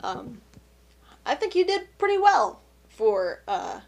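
A woman's voice: high voice, very animated, slow. A woman hosting a casual podcast chat, making dry, wry asides. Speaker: podcast host.

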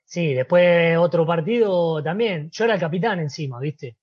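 A man with a Rioplatense Spanish accent, an interview guest who was a footballer, telling an animated story and acting out the dialogue. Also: a little high, normal speed, highs cut off. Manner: animated storyteller, acts out dialogue, frequent "¿viste?". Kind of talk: casual storytelling.

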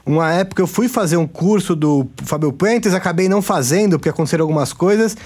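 A man's voice: sits high, quick pace, darkish tone. A man with a Brazilian Portuguese accent hosting a podcast in a casual, conversational way, speaking informally and directly. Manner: informal, addresses the listener directly. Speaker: podcast host.

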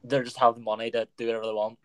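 Man, Northern Irish Belfast accent, rapid pace, casual football podcast chat. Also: mid-range voice, little pitch movement, a bit bright. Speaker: podcast co-host.

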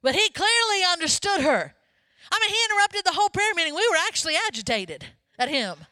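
A woman pastor preaches with a high, bright voice, talking to her congregation in an easy, conversational way and often asking them questions. The sound is close and dry, with no room echo. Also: very animated, fast. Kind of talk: sermon.

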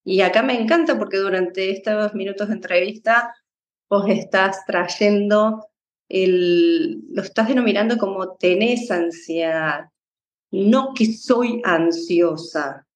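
A woman, a psychologist guest in a conversation, explaining in a calm, unhurried way. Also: medium pitch, roomy sound. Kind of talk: interview conversation.

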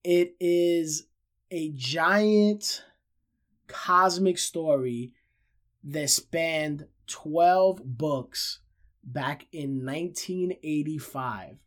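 A man in his thirties talks casually as a solo podcast host, pitched a bit higher than most men. His voice is nasal and congested from a cold, with short breath. He repeats phrases for emphasis and addresses his audience like friends. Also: extremely slow, fairly bright tone. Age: 30s. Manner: emphatic repetition, addresses listeners as guys. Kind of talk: solo pop-culture podcast commentary, casual.

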